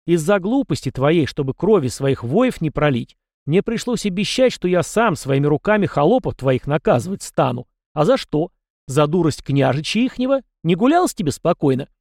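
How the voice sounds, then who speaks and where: A man reading an audiobook and voicing a stern middle-aged commander who scolds and scorns his young charge in a loud, raised voice. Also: on the high side, very animated, moderate pace, no room sound, clean studio sound, voice pushed up. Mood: scolding. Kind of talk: audiobook character voice.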